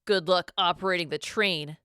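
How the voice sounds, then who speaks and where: A surly man from a storybook who sneers every line, put on by a woman reading aloud. The voice is low and smooth, recorded close and dry. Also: fairly even intonation, moderate pace, sharp tone, no echo. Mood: snide. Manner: snide, sneering. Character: surly, snide adult man.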